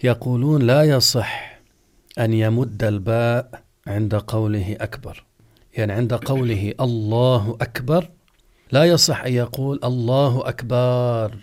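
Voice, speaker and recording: An Islamic scholar teaching jurisprudence gives a religious lesson in question-and-answer form, explaining rulings slowly and deliberately and drawing out example words as he says them. His voice sits at a medium pitch.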